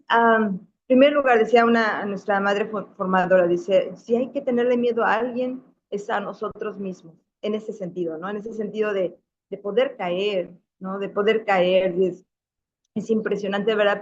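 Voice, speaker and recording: Nun teaching bible class, chatty and rambling, middle-aged woman, muffled lo-fi audio. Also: mid-range voice. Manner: chatty, anecdotal, with frequent restarts and tag questions. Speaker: religious sister teaching a Bible course. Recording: dull, muffled lo-fi sound.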